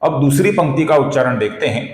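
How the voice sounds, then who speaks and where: In a slow, careful recitation lesson, a man teaches the correct pronunciation of a Sanskrit verse, breaking words into syllables, chanting the lines, and often addressing viewers as friends. His medium-pitched voice is animated and sounds echoey.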